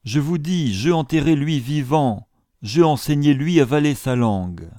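A man's voice: fairly high pitch, lively intonation, a little slow, dark tone, dry recording, clean studio sound, pitched above the performer's own voice. A man doing a frantic servant in broken speech. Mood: urgent. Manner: broken pidgin phrasing, urgent pleading.

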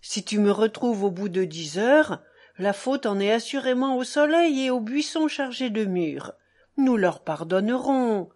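A woman reading aloud and voicing a tiny, lively man who is cheerful and teasing, with playful exclamations. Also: fairly high pitch, unhurried. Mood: coaxing.

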